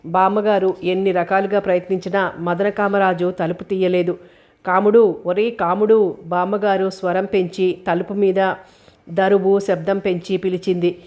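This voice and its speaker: A woman's voice: medium pitch, little pitch movement, normal speed, a little mellow. A woman reading a humorous novel aloud as an audiobook narrator.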